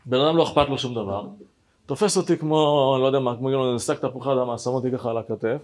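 A rabbi telling a personal story to listeners, animated and speaking to them directly. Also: male voice, mid-range voice. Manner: animated, acts out dialogue, addresses listeners directly.

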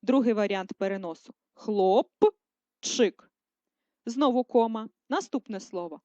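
A female primary school teacher giving a recorded writing lesson, dictating words slowly and clearly for first graders. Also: on the high side, sing-song, warm tone, dry recording. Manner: slow, clear dictation, syllable by syllable. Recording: dry, dull lo-fi voice recording.

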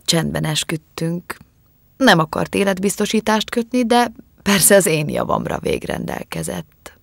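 A woman voicing a young woman who confesses in a quiet, controlled way and turns commanding, in an audiobook. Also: fairly low pitch, very animated, vocal fry, no room sound, heavily acted. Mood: cool confession. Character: young woman calmly confessing, icy and composed.

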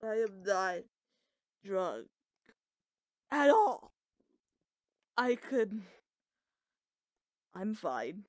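A woman's voice: medium pitch, big pitch swings, drawn-out words, long pauses, no echo, studio quality. Woman playing a tipsy, defensive boy. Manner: defensive, swearing, groaning. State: tipsy and queasy. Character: tipsy boy with a drunk dad. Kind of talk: casual voice role-play.

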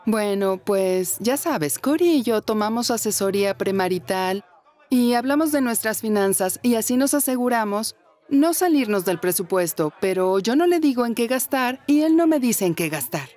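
A woman dubbing a level-headed friend on a reality show, explaining calmly. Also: a little high, moderate pace, close to an everyday voice. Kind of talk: Latin American Spanish reality-show dub.

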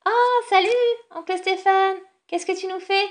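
A woman doing a shrill annoyed girl. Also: steady tone, a little slow. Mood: indignant. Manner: shrill, indignant. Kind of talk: toy film voice acting.

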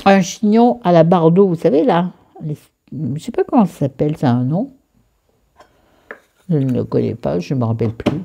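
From her bedroom at home, a beauty vlogger goes through her skincare routine in a casual vlog, rambling cheerfully, mocking herself and dropping crude asides. Her low, mellow voice is husky with vocal fry, expressive, and swings up and down in pitch at a moderate pace.

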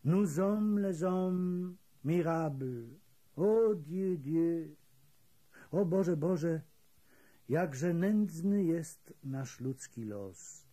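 A man voicing an old grey Greek merchant who laments slowly and fervently in an audiobook reading. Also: fairly high pitch, animated, dark tone, pitched above the performer's own voice, heavily acted. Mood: exalted lament.

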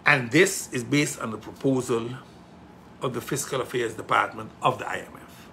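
A middle-aged man gives impassioned political commentary, emphatic, with rhetorical questions that build to loud indignation. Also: medium pitch, moderate pace, vocal fry, a little hiss or hum. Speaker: political commentator hosting a show.

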